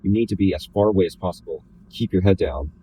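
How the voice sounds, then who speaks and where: A man voicing a tense, earnest young male pop star in a flat, even read of a novel. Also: low voice, fast talker, slight background noise, lightly acted, rough recording. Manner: flat, even reading with little change.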